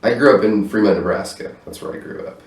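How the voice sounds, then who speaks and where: Speaking at a quick pace in a lowish voice, a man guesting on a relaxed interview about stage managing swears without restraint and laughs frequently. He's in his own apartment room, far from the microphone, so the audio has a roomy echo.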